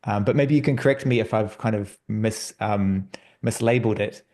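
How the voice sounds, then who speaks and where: A man hosting an online research workshop on a video call, relaxed and friendly, with frequent fillers. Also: on the low side, normal speed. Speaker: workshop host.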